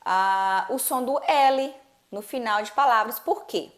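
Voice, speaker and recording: A Brazilian woman with a Brazilian accent, an English teacher giving a chatty online pronunciation lesson that switches between English and Portuguese, drawing out example words slowly and repeating them. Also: fairly high pitch.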